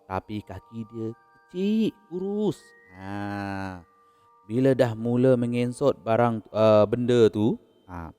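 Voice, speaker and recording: A man with a Malaysian Malay accent narrating a horror story in a casual, unhurried way, chuckling between beats. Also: fairly low pitch, mellow, smooth, in a large hall.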